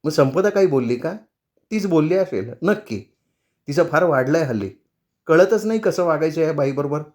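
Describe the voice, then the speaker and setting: A man's voice: a little high, expressive, normal speed, a little mellow, pitched above the performer's own voice, lightly acted. A man voicing a caring grown daughter who anxiously questions her mother. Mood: concerned. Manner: concerned, coaxing.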